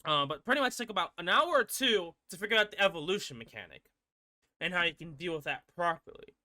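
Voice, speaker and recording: A man's voice: high voice, lively intonation, fast, sharp tone, no room sound, studio quality. A man hosting a gaming channel, giving casual rambling commentary with frequent restarts and casual swearing.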